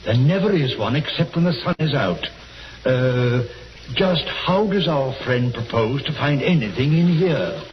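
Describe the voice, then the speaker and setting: Actor as animated sardonic doctor, old radio drama. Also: male voice, mid-range voice, measured pace, lightly acted. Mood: dry, sardonic. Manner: formal, pointedly polite, sardonic. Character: suspicious, dryly sardonic gentleman doctor. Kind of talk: 1940s radio drama acting. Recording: very noisy, distant, muffled radio recording.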